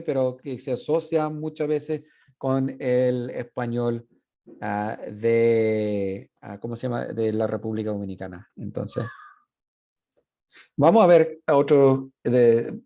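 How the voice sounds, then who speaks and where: Through a muffled recording comes a man's mid-range voice as he leads a university Spanish class. Mixing English into his Spanish, he explains how a dialect works in a relaxed, explanatory way, dropping fillers as he goes.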